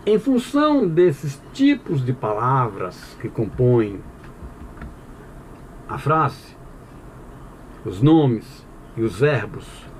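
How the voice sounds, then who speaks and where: In a conversational, explanatory Portuguese grammar lesson, a man poses questions to the listener and then answers them himself, often checking in with "tá bom?" His voice is mid-range and a little mellow, with slight background noise.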